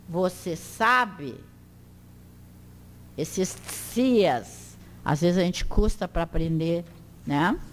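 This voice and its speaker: A woman teaching an Esperanto class, slowly drilling pronunciation for her students to repeat in a classroom. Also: mid-range voice, slight background noise. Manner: slow, drawn-out drilling of words for learners to repeat. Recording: long hall reverb.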